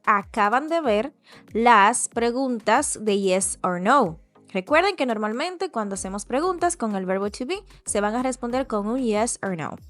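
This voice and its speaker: A woman from the Dominican Republic with a Dominican Spanish accent, teaching an online English lesson and modeling slow, deliberate pronunciation for learners. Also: on the high side, a bit bright.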